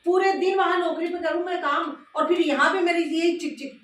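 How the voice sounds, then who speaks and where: A woman's voice: extremely high pitch, fairly even intonation, fairly quick, slight background noise. A woman playing a proud, complaining younger daughter-in-law with a job in a home family skit. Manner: sharp, complaining. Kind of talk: amateur home drama acting. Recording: very echoey room, distant mic, faint music.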